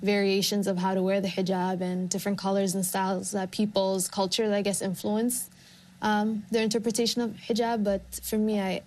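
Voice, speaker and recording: Here the same kind of documentary voice-over plays over music: a young woman from Somalia, an HIV outreach coordinator, talks thoughtfully and uses many fillers. She speaks at normal speed in a medium-pitched, level, somewhat dark voice.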